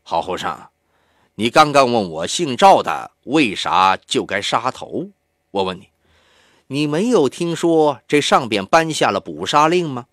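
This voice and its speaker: A man reading an audiobook, voicing a boastful, bound older male captive who talks low and scornfully. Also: big pitch swings, a little slow, a bit bright, dry recording. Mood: smug.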